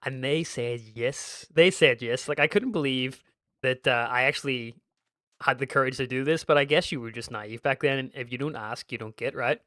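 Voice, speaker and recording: A Northern Irish man in his thirties, a gaming YouTuber whose accent carries a slight American twang, gives casual, meandering gameplay commentary. His mid-range voice is pushed and bright at normal speed, recorded dry with clean studio sound, and he reminisces with frequent restarts.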